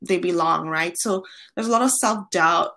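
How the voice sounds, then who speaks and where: A young woman from Trinidad and Tobago, a guest on a podcast interview who talks in a friendly, animated way with frequent ums. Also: lowish voice, moderate pace, creaky. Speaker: guest, founder of an online platform.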